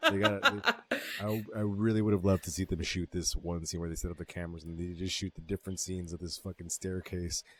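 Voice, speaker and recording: A man with a very low voice co-hosts a casual podcast. He recaps a movie with lots of swearing and enthusiasm. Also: lively intonation, fairly quick, pushed and bright. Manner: profane, enthusiastic retelling. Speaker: podcast co-host.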